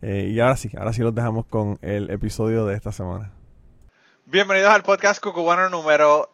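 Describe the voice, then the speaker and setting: Laid-back podcast host. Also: male voice, mid-range voice, a little fast, fairly bright tone, no room sound. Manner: laid-back, joking, chatty. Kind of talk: casual podcast chat.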